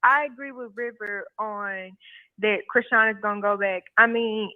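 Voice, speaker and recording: A woman's voice: mid-range voice, steady tone, normal speed. A woman of about twenty calling in to a live show, talking casually and matter-of-factly, with many "you know" fillers. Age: 20s. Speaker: caller. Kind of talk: casual call-in chat. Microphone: phone. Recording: tinny phone line.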